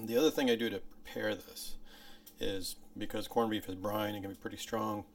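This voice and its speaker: Speaking at a moderate pace with vocal fry, a man presents a laid-back cooking tutorial for his own home channel, narrating each step chattily while recording on a handheld phone. The scene shifts from his kitchen to a backyard smoker outside, where he speaks louder and at a higher pitch.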